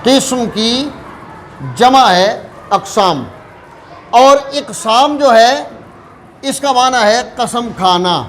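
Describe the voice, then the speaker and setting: A man teaching word pronunciation in a careful, deliberate way, repeating key words for emphasis. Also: very high voice, a bit bright, slight background noise. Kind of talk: explanatory lesson.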